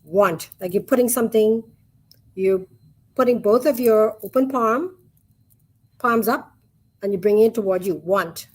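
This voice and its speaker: A woman with a slightly husky voice leads an online sign language lesson over a webcam. She talks slowly and patiently, saying each word again and again in a soft voice while she demonstrates. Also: mid-range voice.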